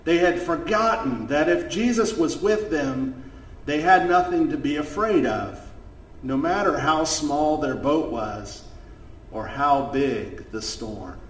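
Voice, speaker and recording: Male pastor, children's chapel storyteller, unhurried, roomy chapel sound, distant mic. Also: a little high. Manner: animated storyteller, drops to a soft gentle voice for prayer. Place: church chapel. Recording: echoey room, voice from far off the mic.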